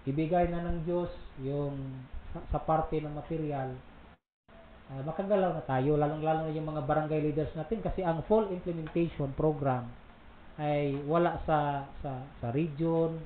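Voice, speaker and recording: A man's voice: fairly high pitch, steady tone, normal speed. A man co-hosting a casual religious talk program, explaining at length with asides and laughs. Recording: roomy, tinny phone-like sound with faint noise.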